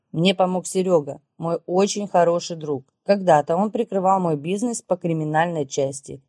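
A woman narrating an audiobook in a steady, measured reading. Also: fairly low pitch, no room sound, clean studio sound.

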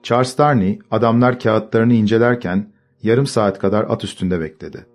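A man calmly narrating a storybook and voicing its characters. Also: lowish voice, moderate pace, soft background music. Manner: calm, steady reading, voicing characters. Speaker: audiobook narrator.

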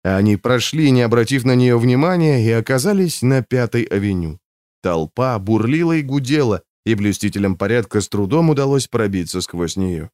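A man narrating a novel as an audiobook, with an expressive reading. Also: mid-range voice, normal speed, no room sound, clean studio sound.

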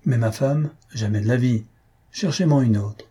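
A man's voice: mid-range voice, moderate pace, mellow, breathy edge. A man reading aloud, voicing a carefree young nephew who teases and cajoles his aunt. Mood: flippant. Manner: cajoling, flippant.

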